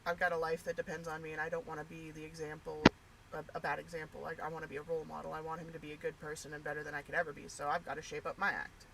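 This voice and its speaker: A woman's voice: deep voice, flat delivery, rapid-fire, heavy background noise. A woman chatting casually and candidly, rambling with lots of fillers. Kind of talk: casual personal chat.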